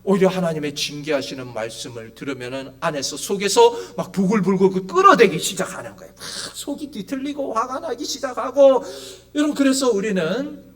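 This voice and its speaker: A male pastor preaching a sermon emphatically, reading scripture and explaining it with vivid acted asides. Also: sits high. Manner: emphatic preaching, acts out voices in quotes.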